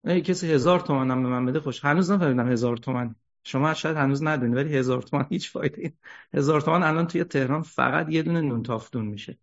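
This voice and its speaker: Guy lecturing on ethics, kinda high voice, lots of rhetorical questions and dry jokes, muffled lo-fi audio. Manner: animated, rhetorical questions, wry humor. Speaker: religious lecturer. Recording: dull lo-fi recording.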